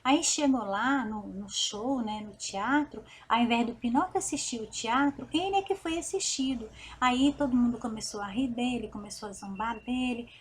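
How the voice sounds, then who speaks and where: A woman's voice: a little high, a little hiss or hum. A woman retelling a children's story in a casual, chatty way, often adding "né". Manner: chatty, with frequent "né" tags.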